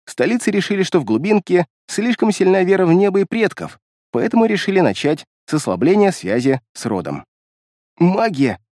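Lively male fantasy audiobook narrator. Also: high-pitched, brisk, dry recording, studio quality. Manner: expressive, calm storyteller.

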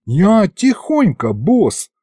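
A man's voice: high voice, wildly swooping pitch, drawn-out words, dark tone, slightly rough, dry recording, studio quality, pitched above the performer's own voice, heavily acted. Man doing a swaggering slangy imp. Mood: pleading. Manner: street-slang drawl.

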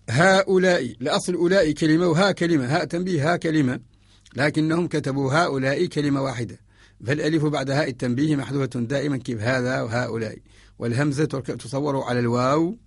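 Gravelly, husky male teacher from Mauritania. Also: medium pitch, no echo, clean studio sound. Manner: measured explanation, chanting quoted verses. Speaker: Quran orthography teacher. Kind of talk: radio lesson explaining a verse text.

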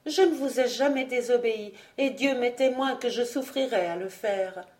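Woman doing a proud young noble lady, earnest, holding back, a bit higher voice. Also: moderate pace, a little mellow, close to an everyday voice. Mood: pleading. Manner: earnest, restrained, respectful.

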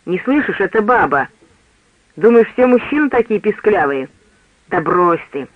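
A man voicing a sharp-tongued woman innkeeper who scolds and mocks in an audiobook. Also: high-pitched, very animated, normal speed, no echo. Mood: mocking. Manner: scolding, mocking. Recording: tinny phone-like dry sound.

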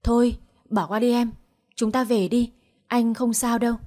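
A woman's voice: on the high side, steady tone, normal speed, dark tone, natural voice. A woman voicing a hurt young man who speaks weakly and feebly. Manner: weak, feeble murmur.

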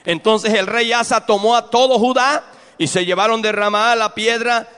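Mexican pastor guy preaching, fairly high voice, lots of "right?" questions to the church. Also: steady tone, moderate pace, bright, forceful tone, smooth, big-room sound. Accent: Mexican Spanish. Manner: preaching with rhetorical questions to the congregation. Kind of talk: sermon.

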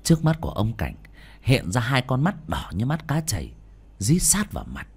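A man's voice: mid-range voice, normal speed, husky. A man narrating an audiobook story dramatically. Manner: dramatic, expressive.

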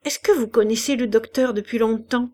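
A woman's voice: a little high, fairly even intonation, moderate pace, mellow, lightly acted. A woman reading aloud and voicing a reserved, proper young widow who speaks in short, polite lines, in a storybook reading. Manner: curt and polite.

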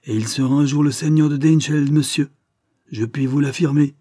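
A man reading aloud voices an aging, dying English lord who speaks urgently and commandingly, rising to sharp emphasis. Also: medium pitch, normal speed, no echo, studio quality, voice pushed up, lightly acted. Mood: emphatic.

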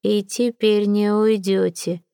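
A woman's voice: medium pitch, fairly even intonation, darkish tone, no room sound, studio quality, close to an everyday voice. Woman reading as a drunk, brawling lieutenant. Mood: taunting. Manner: slow, taunting, contemptuous. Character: drunk belligerent male army lieutenant. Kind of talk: audiobook character reading.

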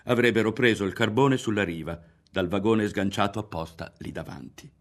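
A man narrating a literary audiobook in a measured, expressive way. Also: lowish voice. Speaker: audiobook reader.

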